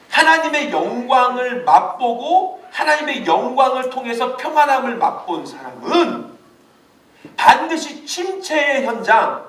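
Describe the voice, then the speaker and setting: A man preaching a sermon to a youth ministry, lively and laughing often as he acts out quotes. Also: very high-pitched. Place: church hall. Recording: echoey room, mic at a distance.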